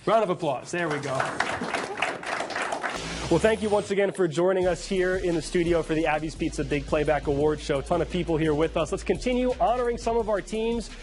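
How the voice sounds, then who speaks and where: A man's voice: high voice, fairly quick, over music, crowd noise. A man hosting an awards show live in a studio, presenting and interviewing in a congratulatory manner. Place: studio set with people present.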